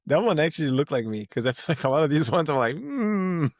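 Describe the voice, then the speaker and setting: A man from Brazil co-hosting a casual tech podcast, easygoing and quick to laugh. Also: on the high side, very animated, no room sound, clean studio sound. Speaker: podcast co-host.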